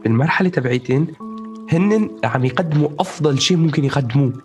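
A man's voice: on the high side, expressive, fast talker, darkish tone, soft background music. A man with a Levantine Arabic accent chatting casually about personal experience, explaining things as he goes, checking in with the listener and dropping in English words.

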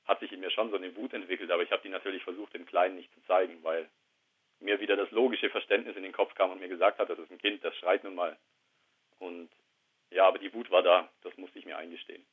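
Husky-voiced man on a tinny line. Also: low-pitched, steady tone, fast. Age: 30s. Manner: quiet, reflective, hesitant. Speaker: guest. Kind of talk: candid personal conversation. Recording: tinny phone-line sound.

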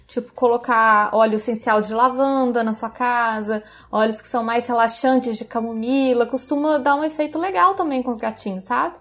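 A woman's voice: a little high, fairly even intonation, moderate pace, hardly any pauses, a bit bright. A Brazilian woman hosting a pet podcast, explaining cat behavior in a casual, friendly way. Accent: Brazilian Portuguese. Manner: explanatory, friendly, restarts phrases. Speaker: podcast host, pet expert.

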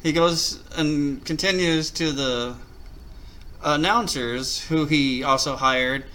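Bright-voiced man in rambling casual chat. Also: a little high, slow pace. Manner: slangy, rambling, conversational. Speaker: co-host of a wrestling watch-along. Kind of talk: casual chat, off-the-cuff commentary.

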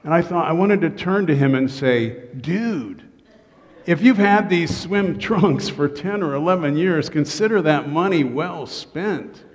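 A middle-aged pastor delivers a humorous sermon to his congregation from a church stage, sprinkling in joking, self-deprecating asides. His voice is a little high, with lively intonation and a measured pace, and the church sanctuary gives the recording a long hall reverb.

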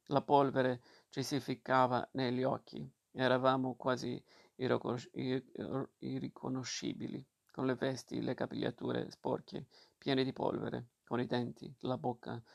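A man reading a novel aloud as narrator, steady and measured, with occasional slips. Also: mid-range voice, vocal fry.

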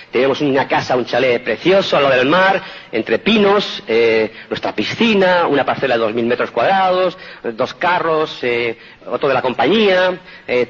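A man's voice: medium pitch, a bit bright, breathy edge. A man in his forties from Spain, earnestly telling his life story to an audience in a motivational talk. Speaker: speaker giving a testimonial talk. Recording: dull lo-fi recording.

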